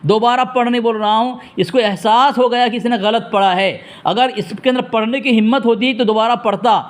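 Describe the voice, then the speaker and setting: High-voiced man scolding in a phone debate. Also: steady tone. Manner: insistent, scolding, repeats demands; turns aside to address the audience. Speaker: debate host on a phone call.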